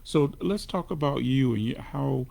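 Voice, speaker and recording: Radio host, man, gravelly voice, relaxed and teasing with his guest. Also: medium pitch, unhurried, noisy background. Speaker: judge hosting a radio talk show. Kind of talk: radio interview. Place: radio studio.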